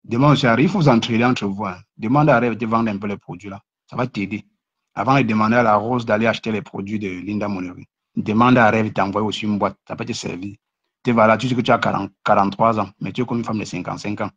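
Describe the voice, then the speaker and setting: Speaking fast in a steady tone with a breathy edge, a man rants on a casual live stream, mocking other creators, stammering through restarts, and going over the same points again. The sound is muffled and low in fidelity.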